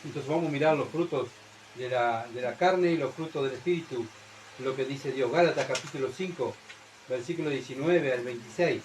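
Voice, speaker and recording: A man's voice: medium pitch, brisk, slight background noise, poor audio. A man with a Uruguayan Spanish accent preaching a sermon in church, who keeps asking the congregation rhetorical questions and checking with "¿verdad?".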